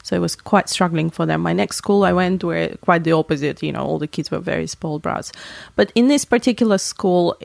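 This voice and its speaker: A woman's voice: fairly low pitch, brisk, vocal fry, hardly any pauses, a little mellow, no room sound. A woman from Latvia, chatting casually and telling a rambling story, often correcting herself mid-sentence. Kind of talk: casual chat.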